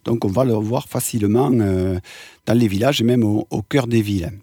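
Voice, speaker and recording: A man's voice: lowish voice, dark tone, husky, dry recording. Man giving a dry-sounding nature talk. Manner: didactic, pausing to search for words and reformulate. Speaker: bird presenter giving a talk. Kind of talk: informal nature documentary-like explanatory talk on wildlife.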